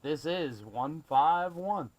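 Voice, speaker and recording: Heard on a muffled, band-limited, very noisy CB recording, a man from South Carolina makes friendly skip chat peppered with call numbers and radio lingo. His voice is a little high and animated, and he talks slowly.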